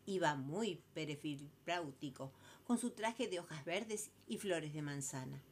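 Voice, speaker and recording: A woman's voice: low voice, lively intonation, a little slow, slight background noise. A woman with a Rioplatense Argentine accent telling a children's story in a playful, sing-song way.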